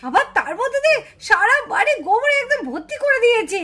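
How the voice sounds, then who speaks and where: A woman puts on a quarrelsome village mother with a piercing, very high voice, always ready to pick a fight. She scolds and complains loudly, her words sharp and insistent. It is pure doll-show drama. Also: big pitch swings, quick pace, heavily acted. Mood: indignant. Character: shrill quarrelsome village mother, easily enraged.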